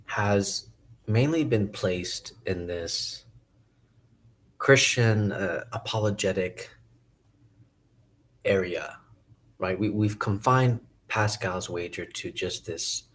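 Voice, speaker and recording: Slow, deep-voiced man thinking aloud. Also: fairly bright tone. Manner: hesitant, thinking aloud with many pauses and restarts. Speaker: video essayist. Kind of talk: casual philosophical musing to camera.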